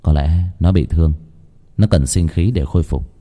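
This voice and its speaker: A man's voice: very deep voice, normal speed, warm tone, voice pushed down. A man playing a young exorcist who speaks in a cold, terse way.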